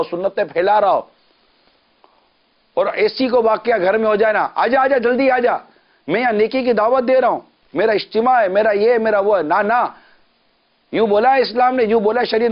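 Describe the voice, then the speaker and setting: High-voiced, emphatic preacher. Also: male voice, dull audio. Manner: emphatic, rhetorical, with repeated questions and lists. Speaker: Islamic preacher. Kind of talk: televised sermon.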